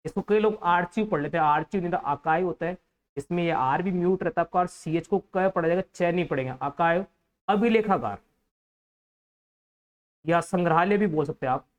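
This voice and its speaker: A man with an Indian accent teaching English vocabulary to exam students, patiently explaining and repeating words and spelling them out letter by letter. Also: high voice.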